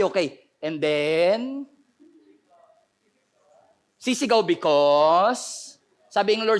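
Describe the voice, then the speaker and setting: A man's voice: very high-pitched, a bit bright. A man with a Filipino accent preaching a sermon, telling the story with energy and acting out the voices of the people in it. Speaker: pastor.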